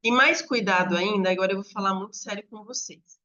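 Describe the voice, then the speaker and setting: Bright-voiced woman teaching slowly. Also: mid-range voice, highs cut off. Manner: patient, explains slowly with drawn-out examples. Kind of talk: online lesson on phonics. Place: home apartment with dogs barking nearby.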